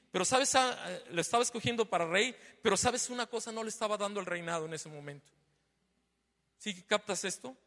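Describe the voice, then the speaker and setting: High, bright-voiced preacher in a hall. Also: male voice. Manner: conversational, asks the congregation many tag questions; loud and emphatic, then lowers his voice after being told he is shouting. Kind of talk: sermon. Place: church hall. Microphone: handheld or stand microphone.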